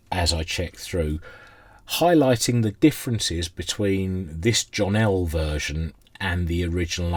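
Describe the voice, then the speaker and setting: Low-pitched and free of room sound, this middle-aged man casually demonstrates his vintage radio restoration at an indoor workbench, chatting in a rambling, self-mocking manner without a script.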